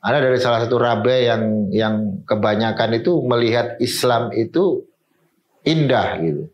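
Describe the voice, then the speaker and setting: A man's voice: medium pitch, normal speed, lo-fi sound. Man explaining in an echoey room. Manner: explanatory, peppers speech with Hebrew and English terms. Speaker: guest. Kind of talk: explaining in an interview.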